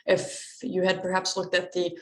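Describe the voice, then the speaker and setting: A woman's voice: on the low side, completely flat delivery, normal speed. Polite woman asking a question. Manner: polite, apologetic, searching for phrasing. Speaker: audience questioner. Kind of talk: academic panel discussion.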